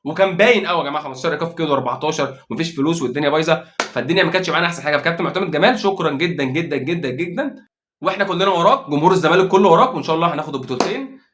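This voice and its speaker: A man with an Egyptian Arabic accent giving a casual, excitable football commentary as a fan vlogger, repeating phrases for emphasis. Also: fairly high pitch, very fast, a little hiss or hum.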